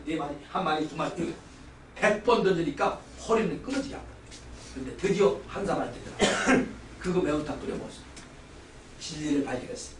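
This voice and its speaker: High-voiced preacher shouting in an echoing hall. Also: male voice. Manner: exuberant, shouts and leads call-and-response. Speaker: pastor. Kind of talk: lively sermon lecture. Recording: roomy hall from far off, faint background noise.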